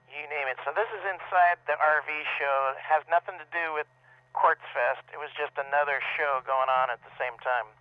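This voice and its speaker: A man's voice: a little high, clear, resonant tone, dry recording. A middle-aged man casually narrating a slideshow of his desert trip for a radio club, rambling along with many "uh" fillers. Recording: dull lo-fi dry audio.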